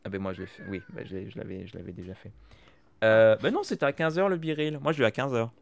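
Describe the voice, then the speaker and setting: A man's voice: lowish voice, fast, gravelly. Chatty man telling a story. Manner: chatty storyteller, frequent fillers and repeats. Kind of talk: casual chat recapping TV shows.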